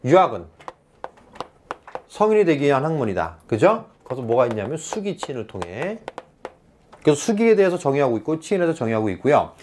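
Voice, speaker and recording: A man tutoring students for an exam, lecturing in a chatty, animated way, often checking in with "right?" and acting out little scenes. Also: mid-range voice, fairly quick, long pauses, a little hiss or hum. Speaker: Korean-language exam tutor.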